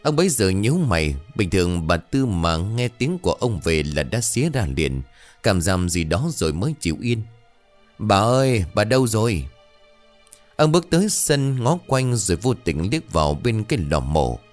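A man narrates a horror tale in a low voice. His delivery is dramatic, with wide swings in pitch. Soft music plays underneath. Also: normal speed. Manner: dramatic, expressive reading. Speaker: storyteller.

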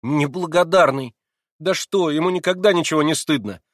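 In a studio-quality audiobook reading with no room sound, a man voices a fiery young woman who scolds in sharp, indignant exclamations. He pitches a little high, above his own voice yet close to an everyday tone, at normal speed.

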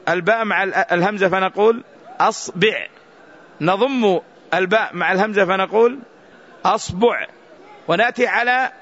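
A high-pitched man gives a religious lesson, patiently explaining and repeating words to drill how they are said. The recording is dull and lo-fi. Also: fairly bright tone. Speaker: Islamic scholar teaching a book.

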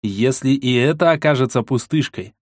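A man's voice: medium pitch, normal speed, no room sound, clean studio sound. Male narrator reading a dramatic audiobook. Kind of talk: scripted narration.

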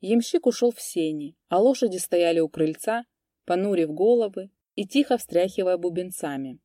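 Female audiobook narrator, low and mellow, steady reading. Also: moderate pace, no room sound, studio quality.

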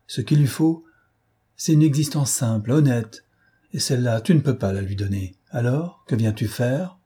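A man's voice: medium pitch, expressive, moderate pace, dark tone, husky. A man voicing an anxious, fierce old nursemaid in an audiobook, scolding and protective in manner. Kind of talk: audiobook character voice.

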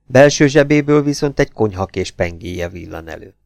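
A man narrating a pulp novel as an audiobook, reading in a lively, expressive way. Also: lowish voice, vocal fry, no echo, clean studio sound.

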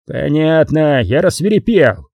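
A man voicing a hot-tempered, bald middle-aged business tycoon with a booming, gruff delivery. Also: very animated, measured pace, a little mellow, dry recording, heavily acted. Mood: blustering angry.

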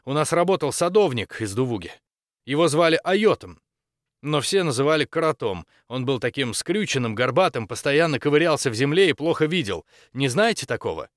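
A man's voice: fairly low pitch, animated, fairly quick, fairly bright tone, no room sound, studio quality. A man voicing an earnest, polite young male exorcist in an audiobook, speaking courteously and eagerly.

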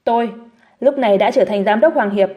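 A woman's voice: fairly high pitch, a little fast, muffled recording, natural voice. A woman voicing an emotionless young woman who has just become company director, in an audiobook. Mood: cold. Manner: cold, flat, commanding.

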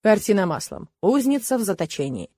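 A woman narrates a first-person fantasy story with lively, expressive delivery. Her voice sits mid-pitch. The recording is dry and close. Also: brisk, slightly rough, no echo. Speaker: audiobook narrator.

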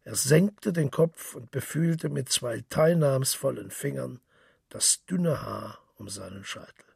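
A man reading literary narration in a measured, descriptive way, with a gravelly, raspy voice. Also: medium pitch, darkish tone, no echo, studio quality.

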